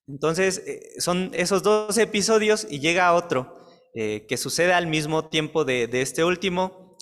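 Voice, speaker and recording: A man's voice: a little high, a bit bright, long reverb tail. A man with a Mexican Spanish accent preaching a sermon in a church. He reads a passage of scripture, then explains it plainly, with many fillers. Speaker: pastor.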